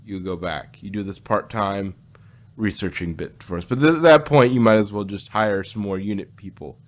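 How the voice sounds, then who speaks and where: With a fairly low pitch and moderate pace, this podcast co-host talks loosely about audio dramas in a casual review discussion. He tends to ramble and repeat phrases, and background noise is noticeable throughout.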